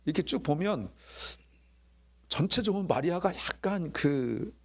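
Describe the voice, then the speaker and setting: A man preaching a sermon as pastor, talking to the congregation in a lively way and acting out quoted dialogue in his own voice. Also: sits high, measured pace.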